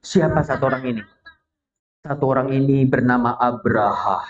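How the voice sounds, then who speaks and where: A woman teaching children through an animated, playful story, often stopping to quiz them. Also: a bass voice, moderate pace. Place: mosque. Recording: dull lo-fi recording.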